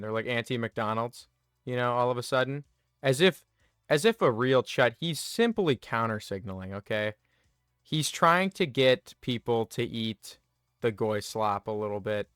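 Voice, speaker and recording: A comedy video host performs a satirical monologue with mock earnestness, rambling and working himself up along the way. His voice is smooth, resonant, a bit bright and pitched at an ordinary middle level. The recording is close and dry, with faint music beneath.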